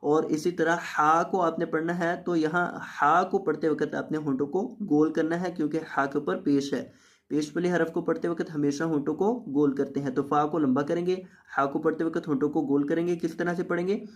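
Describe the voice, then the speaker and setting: A Quran teacher giving a tajweed lesson, reciting each word slowly and drawn out several times, then explaining the rules in quick, softer asides. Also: medium pitch, fairly even intonation.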